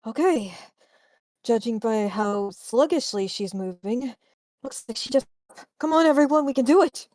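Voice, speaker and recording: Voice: mid-range voice, animated, a little slow, pauses often, a little mellow, no room sound, clean studio sound, natural voice. A woman voicing a young Pokémon hero who rallies the team in a tabletop game. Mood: encouraging. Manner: encouraging.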